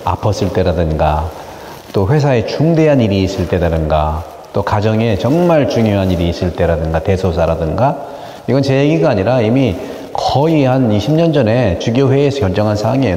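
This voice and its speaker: Priest with a mellow voice in an echoey hall. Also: male voice, on the low side. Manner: lively, questions the audience, acts out noisy crowds. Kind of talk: sermon and teaching talk to parishioners. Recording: echoey hall with long reverb.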